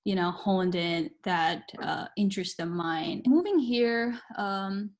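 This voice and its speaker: A young woman from Pakistan, a medical student appearing as a guest on an interview show, tells her story slowly in an expressive, mid-range voice. She sounds earnest and reflective, with a few hesitant fillers.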